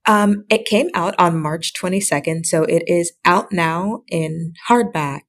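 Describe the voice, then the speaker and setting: A woman with a calming voice, an author explaining things informally as a guest in a conversational podcast interview. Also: on the low side, unhurried.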